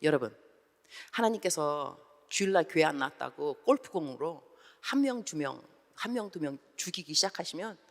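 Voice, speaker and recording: 재미교포 여성 선교사가 큰 예배당에서 설교한다. 억양이 크게 오르내리며 활기차게 이야기를 이어가고, 인물들의 대사를 직접 연기해 들려준다. 소리가 넓은 공간에 길게 울린다. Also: female voice, mid-range voice. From United States. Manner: animated storytelling, acts out dialogue. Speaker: missionary preacher. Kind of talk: sermon. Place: large church sanctuary. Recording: long church hall reverb.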